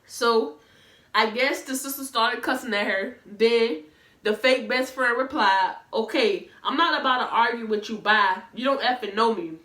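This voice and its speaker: A high-pitched woman with a Southern US accent comments casually on the news and reads messages aloud, blunt and sarcastic. Her voice is bright and sharp, and it bounces around an echoey room. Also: a little slow. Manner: blunt, animated and sarcastic, talking straight to viewers. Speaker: reaction commentator.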